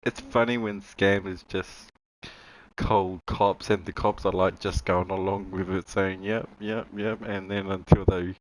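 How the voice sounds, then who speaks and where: Male streamer, casual joking chat, slow delivery. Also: deep voice, level tone, rough recording. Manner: joking, chuckles between stories. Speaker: game streamer.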